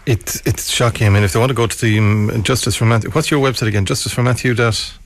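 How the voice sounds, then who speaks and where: Gravelly of radio man. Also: medium pitch, steady tone, quick pace, no echo. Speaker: radio interviewer, host. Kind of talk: conversational radio interview.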